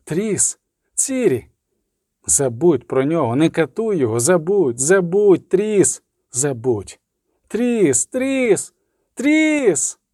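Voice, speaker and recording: A man voicing an eerie prophetic spirit that speaks through a young girl, in a slow, chanting, otherworldly manner. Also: on the high side, big pitch swings, warm tone, no room sound, studio quality, full character voice. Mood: urgent.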